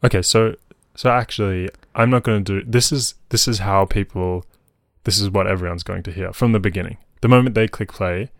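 A man hosting a casual podcast with a friend, talking in a playful, halting way that often trails off mid-sentence. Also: fairly low pitch, dry recording, studio quality. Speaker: podcast host. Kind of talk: casual chat.

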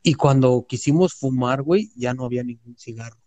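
A man with a Mexican Spanish accent spins a story in relaxed chat, his voice mellow and dark at an ordinary pitch. He talks in slang and hammers points home by repeating words. The sound is dry and close, with little room around it. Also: a little fast, no echo. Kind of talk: casual storytelling.

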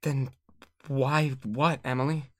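An actor playing a gentle young man who speaks softly and haltingly. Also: medium pitch, level tone, dry recording, studio quality. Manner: soft, halting, apologetic.

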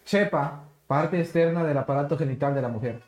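A man's voice: on the high side, brisk, echoey room. A man on a casual live-streamed podcast, chiming in with short jokes and questions. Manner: short joking interjections and questions.

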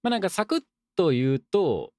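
A man's voice: high-pitched, huge pitch swings, moderate pace, darkish tone, no room sound, studio quality. A young man hosting a casual solo radio talk show, reading listener letters with loose, rambling, self-deprecating asides and a playful mock-formal tone. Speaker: podcast host.

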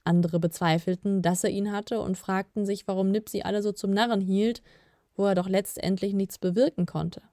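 A woman narrating a fantasy storybook in a calm, even reading. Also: mid-range voice, moderate pace, no echo, clean studio sound. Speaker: audiobook narrator.

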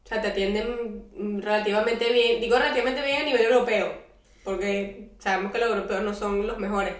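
A woman co-hosting a podcast who chats casually, with quick reactions and playful remarks. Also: medium pitch, steady tone, distant mic. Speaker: podcast co-host. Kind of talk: casual chat. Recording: echoey room, a bit off mic.

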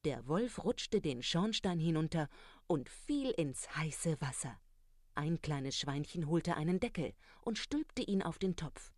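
A storyteller reading a fairy tale aloud in a calm, even manner. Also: medium pitch, slow pace, no echo, studio quality.

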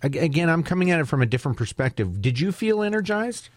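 A man's voice: fairly high pitch, sing-song, fast talker, no echo, studio quality. A man co-hosting a talk radio show, musing aloud with hesitant restarts. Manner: hesitant, musing, repeats words.

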